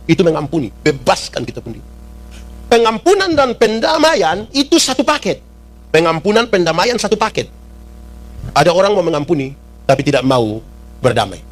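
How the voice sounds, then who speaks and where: A high-voiced man preaches a sermon to his congregation. He keeps asking the listeners questions and acts out little scenes in local dialect. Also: very animated, moderate pace, long pauses. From East Nusa Tenggara, Indonesia. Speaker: pastor. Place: church.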